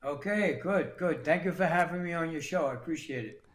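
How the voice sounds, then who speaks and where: A New York City man in his sixties speaks as a podcast guest in casual interview talk, plain-spoken, repeating words and restarting sentences. His voice is a little high and brisk, recorded in an echoey room.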